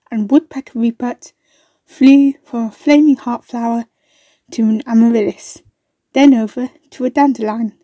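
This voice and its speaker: A woman reading a children's storybook aloud in a gentle, unhurried way, now and then turning to ask the listener questions. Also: a little high, no room sound.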